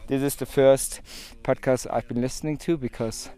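Male rider, smooth mid voice, easygoing and chatty. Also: medium pitch, fairly even intonation, moderate pace, mellow. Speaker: race rider. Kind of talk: casual chat.

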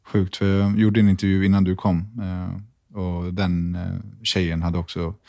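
Deep-voiced calm male interviewer. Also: vocal fry. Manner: calm, brief questions and frequent murmured backchannels. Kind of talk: conversational interview.

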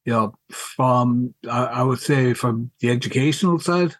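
A middle-aged man, reminiscing casually in a halting, wry way and repeating words as he goes. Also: mid-range voice, no room sound. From County Mayo, Ireland. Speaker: podcast guest, school alumnus.

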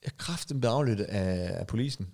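A man's voice: lowish voice, expressive, creaky, a little mellow. A man in his thirties co-hosting a casual podcast, rambling with lots of restarts and fillers. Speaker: podcast co-host. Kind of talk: casual chat.

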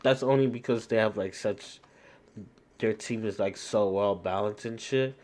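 A man's voice: on the low side, a little slow, a little mellow. A man co-hosting a sports podcast, talking loosely and full of slang. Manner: slangy, loose, says bro a lot. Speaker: podcast co-host. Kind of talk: casual sports chat.

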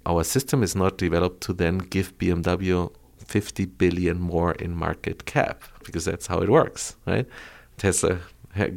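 A middle-aged Colombian man, a former auto executive, is a guest on a podcast interview. His low voice has a gravelly, creaky edge, and he explains things in long, patient runs. He keeps adding "right?" to make sure the listener is following.

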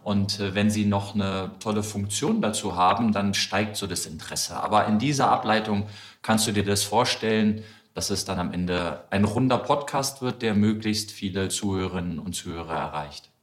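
A man answering interview questions as a guest in a measured, explanatory way, heard over low-quality remote audio. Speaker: podcast guest, communications head. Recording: roomy, degraded stream audio.

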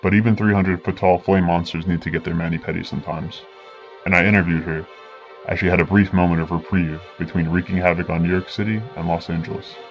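A podcast host putting on an unnaturally deep, pitched-down voice to play an otherworldly announcer who greets mortals with a mock-ominous introduction. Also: male voice, fairly even intonation, quick pace, highs cut off, soft background music. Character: booming otherworldly male announcer addressing mortals.

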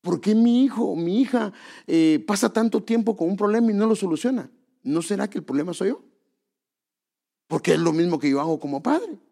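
A man's voice: sits high, lively intonation, brisk, vocal fry, dark tone. A man preaching a sermon, earnestly exhorting his congregation and asking them rhetorical questions.

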